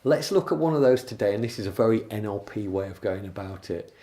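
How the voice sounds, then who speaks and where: A man coaching, explaining a technique calmly with examples and stories. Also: fairly low pitch, quick pace. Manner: calm, explanatory, uses anecdotes. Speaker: NLP coach. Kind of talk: instructional talk.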